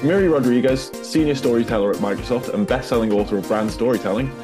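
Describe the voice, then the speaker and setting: A man's voice: mid-range voice, fast talker, over music. A man hosting a marketing podcast, upbeat and repeating words, often saying "like". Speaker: podcast host. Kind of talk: podcast interview.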